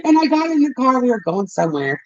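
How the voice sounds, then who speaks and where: A woman's voice: on the high side, very animated, fast talker, no echo. A woman co-hosting a livestream, rambling through casual gossip commentary, laughing often and swearing freely. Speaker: livestream co-host. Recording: dull dry lo-fi stream audio.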